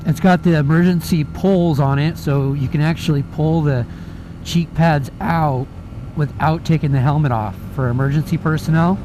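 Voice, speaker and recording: A man's voice: a little high, steady tone, moderate pace. A man chatting casually as he gives a spoken gear review from inside a motorcycle helmet while riding. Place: outdoors on a moving motorcycle. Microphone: mic inside a helmet. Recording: helmet mic with clear traffic and vehicle noise. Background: vehicle and road noise.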